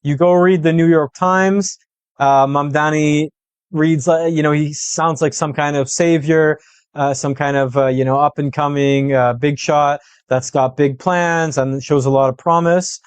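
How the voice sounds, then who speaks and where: A political commentator guesting on a podcast offers conversational political analysis, setting out his points methodically and punctuating them with "right?" and "okay?". His voice is on the high side, fairly even and a little slow, with a clean tone and no room sound.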